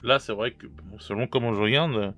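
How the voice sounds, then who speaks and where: A man's voice: mid-range voice, fairly quick, bright, forceful tone, soft background music. A man casually reviewing paint colors, chatty and hesitant, with many fillers and restarts and self-mocking laughs at his own mistakes. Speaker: miniature painting youtuber.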